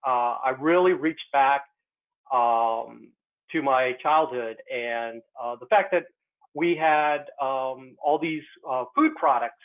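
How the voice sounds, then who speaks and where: An American man who is an artist talks slowly in a mid-range voice during a casual online conversation. He sounds hesitant and uses many fillers, and the audio has a tinny, phone-like quality.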